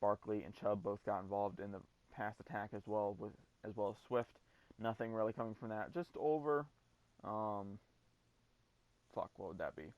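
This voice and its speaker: A man with a fairly low voice, commentating over his video-game football season. His talk is laid-back and offhand, and now and then he swears. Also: normal speed, a little mellow, no room sound, muffled recording. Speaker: gaming video host. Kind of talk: casual gameplay commentary.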